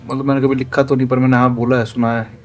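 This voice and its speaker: A man's voice: mid-range voice, level tone, fast, slight background noise. A young man telling a story to friends, acting out the lines of the people in it. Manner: acts out dialogue in shifting voices. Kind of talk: animated storytelling among friends.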